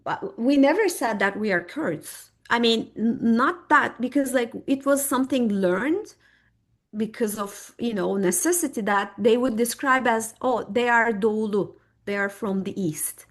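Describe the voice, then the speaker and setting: Speaking somewhat slowly in a fairly high voice, this guest historian is a middle-aged woman from Turkey whose native language is Turkish. In the podcast interview she is thoughtful, often hunting for words and using many fillers.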